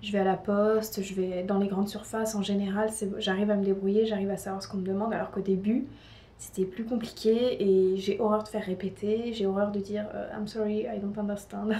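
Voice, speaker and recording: A young woman from France talks to her viewers in a relaxed, chatty vlog. She pauses often with fillers and restarts her sentences. Her voice sits in an ordinary middle pitch. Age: young adult. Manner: chatty, lots of hesitations and restarts. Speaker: vlogger. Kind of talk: casual monthly update to camera.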